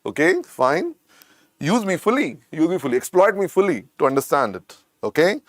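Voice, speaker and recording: A man's voice: on the high side, sing-song, moderate pace, no room sound, studio quality. A man with an Indian English accent giving a classroom lecture, repeating each point and coaxing students with "beta". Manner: repetitive, coaxing, keeps adding "beta" to drill points. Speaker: medical exam lecturer.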